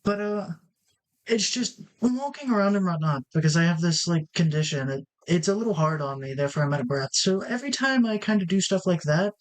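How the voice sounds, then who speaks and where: A gaming channel host sits at a desk mic offering casual commentary on gameplay, thinking out loud, wandering off track and correcting himself. His mid-range voice moves quickly with a lively lilt, though the audio quality is poor.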